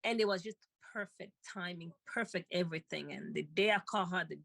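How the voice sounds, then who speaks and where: A woman's voice: fairly low pitch, fairly quick, creaky, fairly bright tone, dry recording. A woman co-host telling a personal story with feeling, often repeating herself and laughing lightly.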